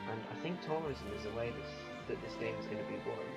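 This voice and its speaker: A man giving unscripted commentary on a strategy game, thinking aloud in a halting way. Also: mid-range voice, vocal fry. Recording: muffled lo-fi recording with music. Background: music.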